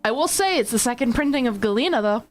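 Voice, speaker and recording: A woman's voice: fairly high pitch, expressive, fast talker, faint music behind. A woman co-hosting a card game stream in casual, playful chat, teasing her co-host. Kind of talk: casual chat while opening card packs.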